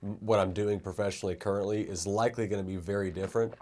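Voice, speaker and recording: Male podcast host, very low voice, relaxed and reflective, interviewer. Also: fast talker, slight background noise. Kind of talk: interview conversation.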